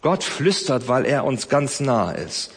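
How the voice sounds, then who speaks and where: A man preaching a sermon, swinging between loud emphasis and soft, close speech. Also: medium pitch, sing-song, slow, breathy edge, big-room sound. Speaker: pastor.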